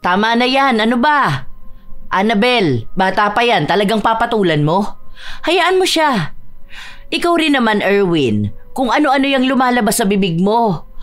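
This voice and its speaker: A woman voicing a calm, motherly female coworker who settles quarrels firmly and kindly. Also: mid-range voice, close to an everyday voice. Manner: firm, soothing peacemaker.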